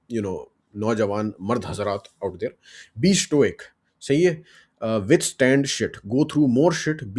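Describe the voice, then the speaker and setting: A man's voice: mid-range voice, darkish tone. A young man from Pakistan, giving casual advice in a blunt manner, swearing and checking in with "right?" tags. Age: young adult. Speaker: vlogger. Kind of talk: casual advice vlog mixing Urdu and English.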